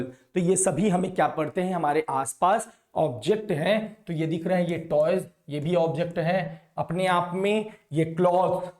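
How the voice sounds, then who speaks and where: Male teacher, fairly high voice, repeats and quizzes the class. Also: a little mellow. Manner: repetitive call-and-response questioning. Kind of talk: classroom science lesson.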